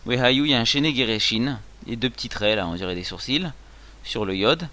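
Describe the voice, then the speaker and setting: A man giving a spoken lesson on reading a Hebrew prayer, explaining patiently with many fillers and sounding words out slowly. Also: medium pitch, sharp tone.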